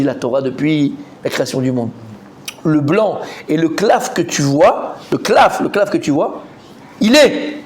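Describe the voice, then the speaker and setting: Un homme rabbin qui donne un cours de Talmud animé, interroge ses élèves et répète ses mots en s'emportant. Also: male voice. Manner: animated, quizzes the students, repeats words, rising pitch when excited. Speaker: rabbi teaching a Talmud class. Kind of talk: lively Torah class.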